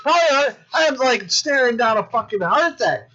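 A man in his forties trading profane, self-mocking jokes on a casual podcast. His voice sits high and rings bright, swinging widely in pitch. The audio is dull and lo-fi. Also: lively intonation, fairly quick. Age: 40s.

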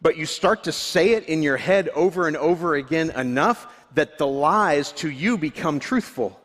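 Man, pastor, sermon, candid self-deprecating tone, somewhat high pitch, long hall reverb. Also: lively intonation, normal speed, a bit bright. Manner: candid, self-deprecating storytelling with frequent restarts.

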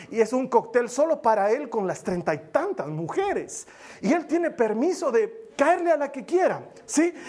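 A man preaching a humorous, chatty sermon, asking the congregation questions and slowly repeating his key lines for emphasis. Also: high-pitched.

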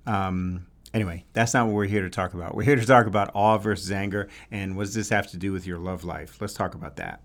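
Male podcast host, New York accent, low register, casual and halting, thinking aloud. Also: fairly even intonation. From New York, USA. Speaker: podcast host giving dating advice to women. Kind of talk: casual solo podcast talk.

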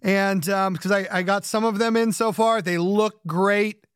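A man's voice: sits high, steady tone, unhurried, clean tone, no room sound, studio quality. A man hosting a podcast, rambling casually with lots of fillers, joking about himself and laughing often. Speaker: podcast host.

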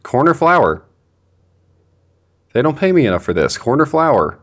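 A man's voice: on the high side, big pitch swings, a little slow, dull audio, pitched above the performer's own voice. A man voicing a weary, rude male drive-thru worker taking orders over the drive-thru speaker in a comedic tabletop podcast bit. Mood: exasperated. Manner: exasperated, snippy order-taking.

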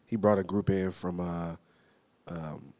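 A man's voice: low-pitched, fairly even intonation, slow, heavy background noise. A man co-hosting a casual podcast from Texas, dry and teasing, with sarcastic asides. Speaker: podcast co-host. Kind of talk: casual chat.

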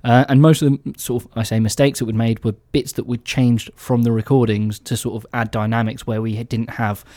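Male radio co-host, English accent, medium pitch, casual storytelling, dry close sound. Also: little pitch movement, a little fast, mellow, no echo. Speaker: radio show co-host, musician. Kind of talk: casual chat, anecdotes.

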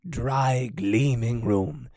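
Man voicing an old storyteller, gravelly husky voice, lively melody, dry close sound. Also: mid-range voice, drawn-out words, dry recording. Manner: gentle, expressive storytelling. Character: elderly male storyteller reading to a child.

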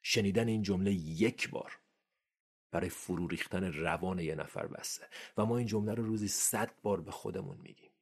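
Male podcast host, very low and husky with gravel, earnest direct-address monologue. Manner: earnest, addresses listener directly, rising emphasis on key phrases.

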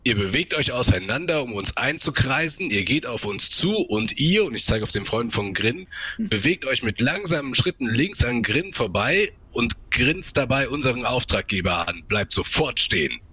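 A man's voice: medium pitch, expressive, quick pace, hardly any pauses, a bit bright. A man voicing a stern, suspicious male dragonborn mercenary who barks orders. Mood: commanding.

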